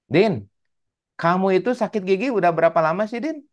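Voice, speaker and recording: A man doing a patient male religious teacher, coaxing questions, raised pitch, lively up-and-down delivery. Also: a little fast.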